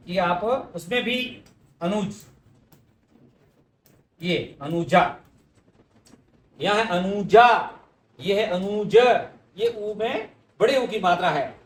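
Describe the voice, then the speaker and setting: A man teaching a Hindi spelling lesson for exam students, explaining each word and speaking to the students directly. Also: high voice. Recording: echoey room, mic at a distance.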